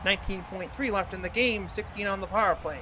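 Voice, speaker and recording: A man's voice: sits high, fast talker, background noise. A man calling hockey play-by-play over a video game in the manner of a TV sports announcer. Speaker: sports commentator.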